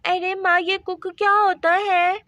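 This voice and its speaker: A woman's voice: very high voice, level tone, takes it slowly, bright, forceful tone, no room sound, muffled recording, heavily acted. A woman voicing two young daughters who whine and plead in a doll story. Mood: whiny. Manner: whiny, pleading, tearful.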